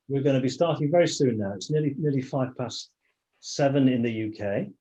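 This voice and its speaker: An Englishman with a warm, medium-pitched voice hosts an online meeting, casually greeting people as they join and frequently restarting his sentences. The audio comes through a video call and sounds muffled.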